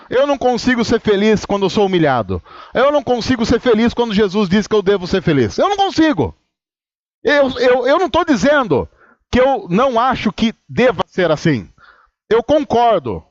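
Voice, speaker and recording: A man's voice: high-pitched, dry recording, lo-fi sound. A man from Brazil, a pastor giving a humorous, conversational sermon and acting out his own inner dialogue.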